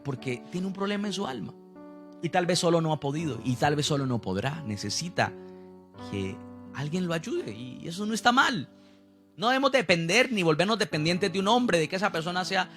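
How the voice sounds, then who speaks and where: Preaching pastor with a higher voice. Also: male voice, fairly bright tone. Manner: preaching with rhetorical questions and acted-out quotes. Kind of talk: sermon.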